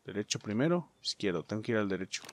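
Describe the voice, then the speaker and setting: Animated, foul-mouthed Mexican man gaming. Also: lowish voice, quick pace, noisy background. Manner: profane, joking, talks to viewers as "muchachos". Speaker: gaming YouTuber. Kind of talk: casual let's play commentary.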